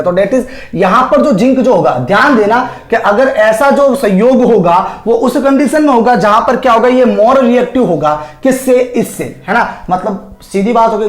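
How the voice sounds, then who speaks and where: A man teaching chemistry in Hindi as a lecture, constantly asking questions and answering them himself, with homely analogies and calling his students "sir". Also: sits high. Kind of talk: classroom lecture. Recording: echoey room.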